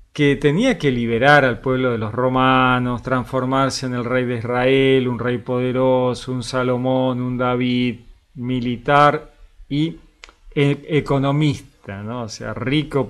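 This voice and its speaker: Argentine man leading a lively Bible study. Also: mid-range voice. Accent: Argentine Spanish. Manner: conversational, often ends with a questioning tag and fills with a drawn filler; lively, reads scripture passages aloud between remarks. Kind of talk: informal Bible study commentary.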